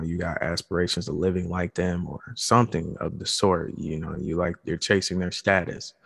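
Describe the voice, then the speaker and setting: Deep gravelly laid-back man. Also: long reverb tail. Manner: laid-back, says "man" and "you know" often. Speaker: podcast co-host. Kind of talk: casual conversation.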